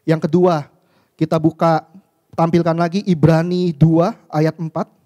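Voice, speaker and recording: A man preaching a sermon in a church, constantly addressing the congregation and asking them rhetorical questions, with his voice jumping from loud, high emphasis to low, quiet asides. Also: flat delivery, unhurried, lo-fi sound. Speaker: pastor.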